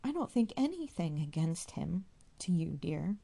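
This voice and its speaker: Wistful young man, mild and regretful; woman reader doing him, low and gravelly. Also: big pitch swings, a little slow, warm tone, full character voice.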